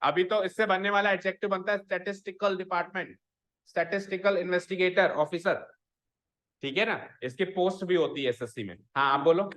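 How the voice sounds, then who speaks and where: A man's voice: sits high, steady tone, fairly quick, a bit bright. A man teaching a school maths class, mixing Hindi with English and drilling students on pronunciation. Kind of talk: classroom lecture.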